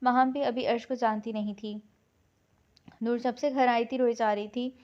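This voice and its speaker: A woman's voice: fairly high pitch, fairly even intonation, normal speed, darkish tone, lo-fi sound. A woman reading an audio novel aloud in an emotive, dramatic narrating style. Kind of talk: scripted narration.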